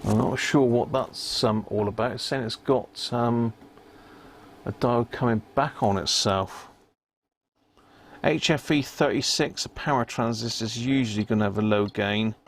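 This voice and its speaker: Muttering to himself between friendly chat, a man hosts a casual hobby livestream while working at an electronics bench. His mid-range voice is unhurried, and the audio carries a little hiss or hum.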